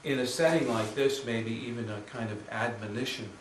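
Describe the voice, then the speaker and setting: A man giving a live poetry reading, introducing his poems with many hesitations and reading them slowly and deliberately. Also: medium pitch, a little hiss or hum. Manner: hesitant, filler-heavy introductions; slow, measured reading. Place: room at a live reading with an audience. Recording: roomy, distant mic with faint ambience.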